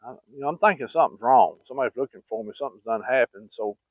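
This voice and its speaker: In a mid-range voice, this middle-aged man races through a casual hunting story for his channel, rambling folksily and stumbling over fillers and restarts. The sound is dry, echo-free, and phone-like.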